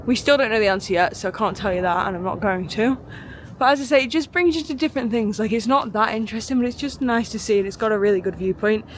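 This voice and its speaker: With a slightly high voice and a quick pace, a woman rambles happily to a handheld camera in casual travel-vlog style. She's on a city street outdoors, then in a small hotel bathroom. Noise from the street runs through the recording.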